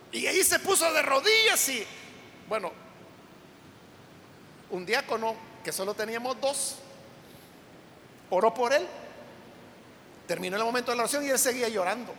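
A man's voice: very high-pitched, gravelly, bright, forceful tone, big-room sound, slight background noise. A male preacher giving a sermon, telling a story and asking the congregation questions.

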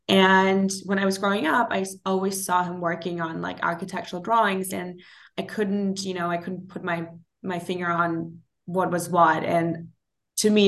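A woman in her twenties, by birth, tells her story in relaxed conversation. She laughs easily and often restarts her sentences, filling gaps with small hesitations. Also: fairly low pitch. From Germany (Berlin). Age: 20s. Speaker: guest, interior designer. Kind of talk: casual interview conversation.

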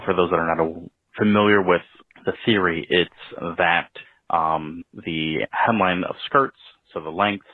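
A man's voice: deep voice, no room sound. A man leaving a voicemail for a show, rambling with many ums and uhs. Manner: rambling, lots of um and uh fillers. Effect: leaving a voicemail over the phone. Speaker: caller. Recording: tinny phone line voicemail.

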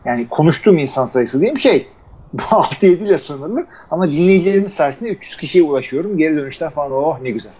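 A man's voice: on the high side, lively intonation, fast talker, a little mellow, breathy edge. Man talking over a phone line. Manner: loose, rambling talk with many fillers. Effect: voice heard over a phone line. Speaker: podcast co-host. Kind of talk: casual chat.

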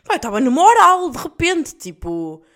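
A woman's voice: sits high, big pitch swings, normal speed, a bit bright. A young adult woman with a European Portuguese accent, hosting a podcast and telling a story in casual chat, laughing often and swearing freely in slangy speech. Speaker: podcast host.

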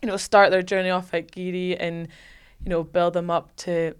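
A woman's voice: fairly low pitch, little pitch movement, normal speed, clean tone. A young woman in her twenties, a rugby development officer, talking eagerly with lots of 'like' and 'you know'. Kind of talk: casual chat.

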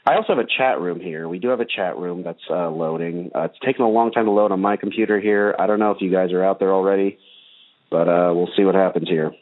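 A man's voice: deep voice, fast. A man hosting a call-in show over the phone, talking in a casual, rambling way with many ums and uhs. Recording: tinny phone line.

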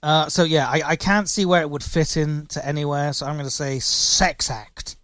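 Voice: mid-range voice, steady tone, moderate pace, a bit bright, no room sound. Laughing British co-host, dry sound. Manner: laughs often, hesitant restarts, wry. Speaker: podcast co-host. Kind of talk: casual chat.

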